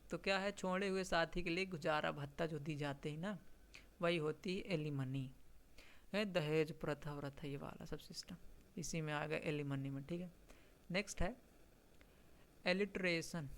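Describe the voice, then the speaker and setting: A teacher with a medium-pitched voice runs an exam-prep vocabulary lesson, explaining patiently and checking often that students are following. English definitions are read out very slowly. A little hiss or hum sits under the recording.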